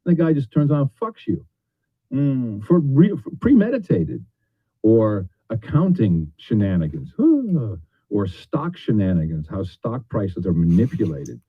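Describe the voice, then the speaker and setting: A man's voice: lowish voice, big pitch swings, unhurried, husky, dry recording. A blunt, profane man speaking in a clip whose sound is played through a computer speaker and picked up again by a microphone. He restarts his sentences often. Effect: video audio played through a computer speaker and picked up again by a mic. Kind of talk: candid spoken remarks. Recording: muffled re-recorded speaker playback.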